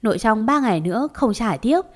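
A woman's voice: fairly high pitch, expressive, brisk. Woman narrating a dramatic audio story.

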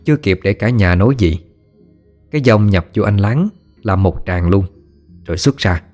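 A man's voice: lowish voice, expressive, moderate pace, a little mellow, faint music behind. A man narrating a ghost story in a folksy storytelling manner.

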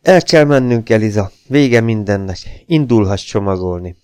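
A man's voice: on the low side, expressive, darkish tone, smooth, no room sound, clean studio sound, natural voice. A man reading an audiobook, voicing an older male butler who answers nervously and evasively. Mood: stubborn. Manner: trembling, evasive, stubborn.

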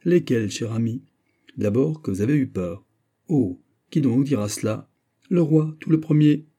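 A man reading an audiobook and voicing an earnest, calm young nobleman who pleads and warns. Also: mid-range voice, normal speed.

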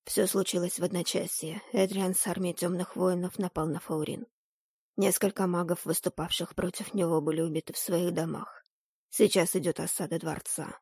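A woman voicing a grim masked man in a cloak who speaks in a hushed, lifeless rustle, slowly and with few words. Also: lowish voice, fairly even intonation, creaky, breathy edge, dry recording, clean studio sound, full character voice. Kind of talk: audiobook character voice.

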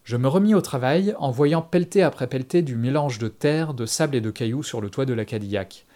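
A man narrates a first-person story at a measured, steady pace. His voice sits in a middle pitch. The delivery is plain audiobook reading.

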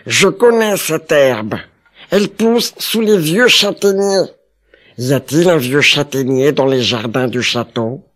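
Oie femelle gentille au ton haut et lent, jouée par un homme, conte pour enfants. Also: male voice, fairly high pitch, animated, slow, a bit bright. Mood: tender. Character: kind female goose, gentle and helpful.

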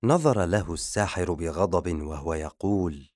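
A man narrating an audiobook in a steady, measured reading. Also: sits low, dry recording, studio quality. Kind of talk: scripted narration.

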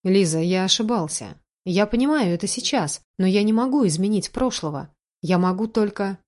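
A woman's voice: mid-range voice, lively intonation, moderate pace, a little mellow, lightly acted. A woman voicing a young man who pleads and defends himself earnestly in a spoken story.

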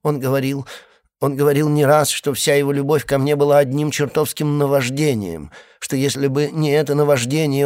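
A man's voice: medium pitch, slightly rough. A man voicing a tearful, desperate young wife who has been abandoned, pleading between sobs. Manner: sobbing, pleading, breathless outbursts.

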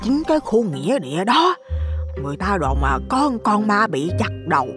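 A man's voice: high voice, sing-song, normal speed, over music, voice pushed up. Man voicing a gossipy old village woman. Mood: lecturing. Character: gossipy plump village woman in her sixties, loud, nosy.

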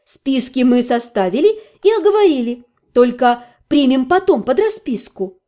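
A brisk young estate manager reports in a businesslike way, voiced by a woman reading a fantasy audiobook. Her voice sits high and lively but has a dark, mellow tone. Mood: cheerful.

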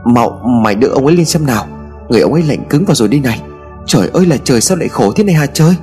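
A man's voice: fairly low pitch, very animated, a little fast, darkish tone, soft background music. A man voicing a worried, nagging old village wife in an audio story, scolding and fretful in tone. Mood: wailing.

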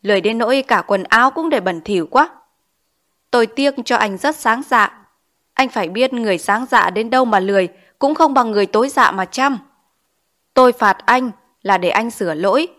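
A woman's voice: fairly high pitch, moderate pace, fairly bright tone, lightly acted. A woman voicing a stern male village schoolteacher in an audiobook, scolding with pointed questions. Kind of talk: audiobook character reading.

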